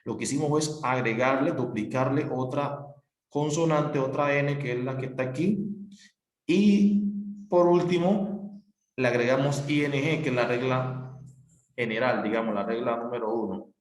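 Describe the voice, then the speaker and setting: A man's voice: medium pitch, normal speed. Patient male teacher in an echoey room. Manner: patient, repetitive, spells out letters. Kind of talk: recorded classroom explanation.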